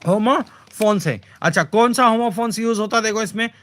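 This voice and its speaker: A man walking through exam questions as a teacher, asking a question and answering it himself, with many fillers. He slows right down to read English lines word by word and keeps urging viewers to comment quickly. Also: high voice, fairly bright tone.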